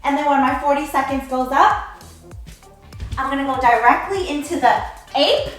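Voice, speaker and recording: This fitness coach and presenter talks at a normal speed in a high-sitting voice, playfully coaching a casual workout demonstration in hyped gym-bro slang. Music plays in the background of a very echoey room.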